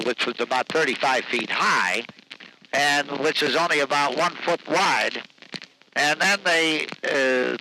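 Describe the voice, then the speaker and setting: An American man dictating an account in a halting, measured way on a 1950s dictaphone tape. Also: mid-range voice, bright, forceful tone, a little hiss or hum, rough recording. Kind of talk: dictated spoken account of a trip. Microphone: dictation machine microphone.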